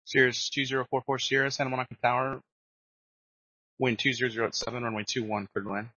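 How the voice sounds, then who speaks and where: A man's voice: mid-range voice, level tone, fast, pushed and bright, no room sound. A man giving procedural instructions as an air traffic controller over radio. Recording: muffled dry aviation radio.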